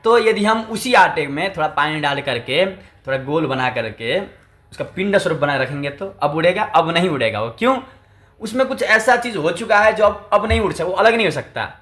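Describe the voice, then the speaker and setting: A man giving a lesson who keeps asking and answering his own questions, with slow recitation of old text. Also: on the high side, expressive, a bit bright. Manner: recites Sanskrit text slowly. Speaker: Sanskrit teacher. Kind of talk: textbook lecture.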